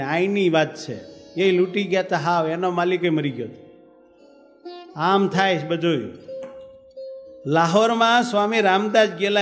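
High-voiced man preaching in a hall. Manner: lively storyteller, acts out dialogue, chants verses. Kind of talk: storytelling sermon. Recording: reverberant hall with faint music.

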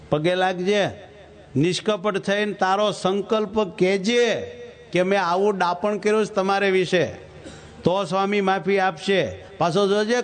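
A stern divine lord, as a male preacher puts him on, hands down commands and rebukes. The voice sits a touch high and firm. It belongs to a spoken religious story told in a sermon. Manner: commanding, admonishing.

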